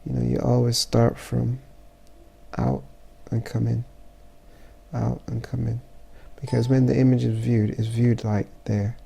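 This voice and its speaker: A man with a stuffy, congested voice narrating a casual photo-editing tutorial as he works, halting and thinking aloud. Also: medium pitch, flat delivery, gravelly, dark tone, slightly rough. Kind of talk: casual software tutorial voice-over.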